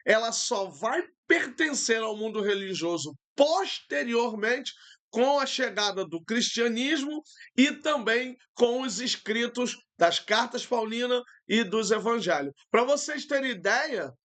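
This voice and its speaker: Slow, high-voiced Brazilian pastor teaching. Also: male voice, animated, a bit bright. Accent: Brazilian Portuguese. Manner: patient, explanatory, pauses with fillers. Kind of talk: live-streamed online Bible lesson.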